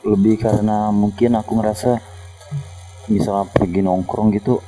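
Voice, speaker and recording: A man appearing as a guest on a casual podcast, speaking calmly and plainly. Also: on the low side, normal speed, faint music behind.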